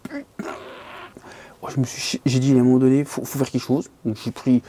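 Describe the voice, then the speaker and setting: A man's voice: medium pitch, flat delivery, a little fast, mellow. A man casually telling a scary fishing-trip anecdote, rambling and colloquial with lots of fillers, sometimes dropping to a whisper. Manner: drops to whispers at tense moments. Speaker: angler telling a story.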